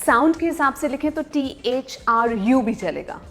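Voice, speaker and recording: A woman with a high, light voice teaches pronunciation in a relaxed, chatty way. She slows down sharply to spell out and repeat each word. Soft music plays faintly behind her. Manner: playful, slows right down to model each word. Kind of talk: casual spoken lesson.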